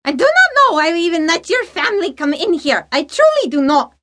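A woman doing a shrill, shrewish village matron. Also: huge pitch swings, measured pace, vocal fry, sharp tone, full character voice. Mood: scornful, shrill. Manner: squawking, snarling, scornful.

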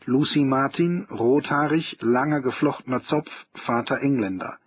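Man, audiobook narrator, husky voice, dry wry reading, slightly dull recording. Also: medium pitch, moderate pace. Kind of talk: audiobook reading of a humorous novel.

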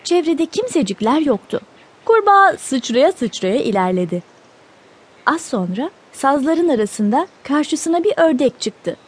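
A woman narrating a children's audiobook in an expressive storytelling manner. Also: high voice, a little slow.

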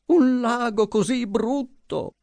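A man's voice: high-pitched, very animated, takes it slowly, vocal fry, darkish tone, no room sound, voice pushed up, full character voice. A man putting on a feeble, quavering old woman. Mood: fretful. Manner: plaintive, moaning pleas. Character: frail elderly woman, timid and fearful. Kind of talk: audiobook character voice.

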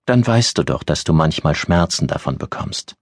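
A man's voice: rumbling low, animated, normal speed, slightly rough, no echo, studio quality, heavily acted. A man reading an audiobook, voicing a kindly female caretaker who speaks in a soothing, motherly way. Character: adult female caretaker, stern but kindly.

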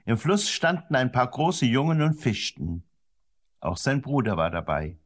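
A man narrating a children's story in a gentle, expressive way. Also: unhurried, slightly rough. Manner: gentle and expressive, varies the pitch to suit the story. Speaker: audiobook narrator.

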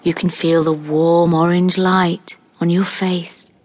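In a fairly low-pitched voice, a woman guides listeners through a scripted meditation. She speaks without hurry, calm and soothing, letting long pauses fall between her phrases.

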